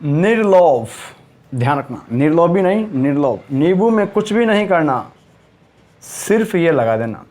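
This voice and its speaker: Slow, repetitive male Hindi teacher. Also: fairly high pitch, sing-song, darkish tone. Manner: slow, repeats words for emphasis. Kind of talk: spelling lesson for exam students.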